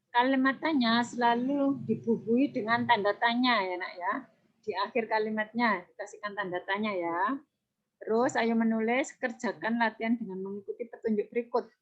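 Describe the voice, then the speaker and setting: A woman teacher with a Javanese Indonesian accent reads a children's textbook lesson aloud, pausing gently to check in with her pupils. Her voice sits a little high. The recording is dull and lo-fi. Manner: gentle, repeats "ya, Nak, ya" to pupils. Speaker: primary school teacher.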